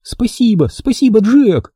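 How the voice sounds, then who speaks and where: A man voicing an eager young girl who pleads and cheers in a high, excited voice. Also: a little fast, slightly rough, no room sound, clean studio sound, heavily acted.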